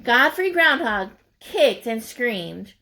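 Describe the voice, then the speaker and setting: Reading a picture book to young children, this female storyteller is expressive, deliberate and emphatic. She pitches her voice fairly high and uses a sing-song delivery that sounds pushed and bright.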